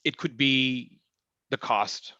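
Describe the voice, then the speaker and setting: A man's voice: mid-range voice, takes it slowly, pushed and bright, dry recording, highs cut off. A man being interviewed as a marketing director, explaining his work thoughtfully with many fillers and restarts. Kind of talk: business interview.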